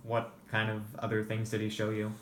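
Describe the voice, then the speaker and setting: A man's voice: fairly low pitch, completely flat delivery, a little fast, fairly bright tone. Male interviewer, brief prompts, roomy sound, faint background hiss. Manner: short prompts and backchannels. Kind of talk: casual interview questions. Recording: roomy, set back from the mic, faint noise.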